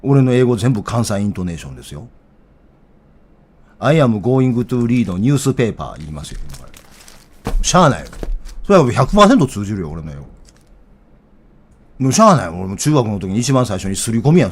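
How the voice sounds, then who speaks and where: Blunt Kansai man, very animated pitch. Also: fast talker, long pauses. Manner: blunt, rough-spoken, heated. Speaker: political commentator. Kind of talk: casual political commentary.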